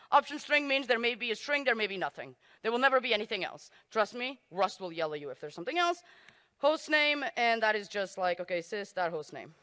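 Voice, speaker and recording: A woman's voice: on the high side, pushed and bright, clear, resonant tone. A woman giving a live coding talk at a conference, joking at her own expense as she types. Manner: self-deprecating, joking asides while typing. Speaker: conference speaker. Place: conference stage in a large hall. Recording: reverberant hall.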